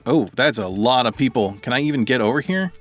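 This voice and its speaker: A man's voice: medium pitch, expressive, fairly quick, soft background music. A man giving casual let's-play commentary, thinking aloud and rambling as he plays. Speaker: gaming video creator.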